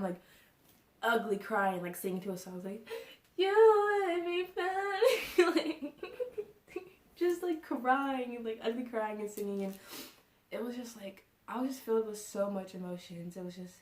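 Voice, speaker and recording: A young woman chats through a story straight to camera, dropping filler words and laughing as she goes. Her voice sits at a middling pitch and rings a little in an echoey room. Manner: chatty, many fillers, laughs often. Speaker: vlogger. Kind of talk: casual storytime. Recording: roomy echo.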